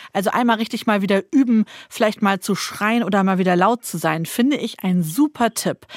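A woman hosts a children's book show in a lively, chatty way and keeps turning to her guest. Her voice sits at a middle pitch. The sound is dry, with no room echo. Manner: lively, chatty, often adds tag questions. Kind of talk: radio show presentation.

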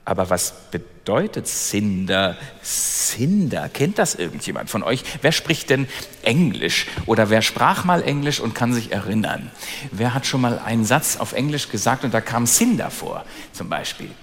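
Animated male storyteller in a hall. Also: medium pitch, normal speed, slight background noise. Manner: animated, asks the audience questions. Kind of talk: live fairy-tale telling to an audience. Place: hall with a live audience. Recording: long hall reverb, faint music.

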